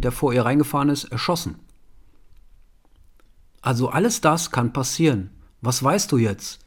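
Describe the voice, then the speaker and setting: Talking directly to his audience in a casual self-help style, a man with a mid-range voice poses rhetorical questions and caps his lines with an inquiring "ja?".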